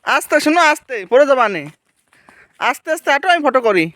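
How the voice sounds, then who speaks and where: A young woman, a mother, chatting gently and coaxingly with her small child while filming on a walk outdoors. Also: high voice, big pitch swings, fairly quick, no echo. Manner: gentle, coaxing, speaks softly to a toddler. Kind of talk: casual chat with a small child.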